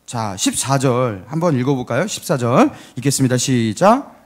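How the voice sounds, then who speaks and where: A man's voice: medium pitch, sing-song, moderate pace. A male pastor preaching a sermon in a church, telling the story dramatically and asking the congregation questions.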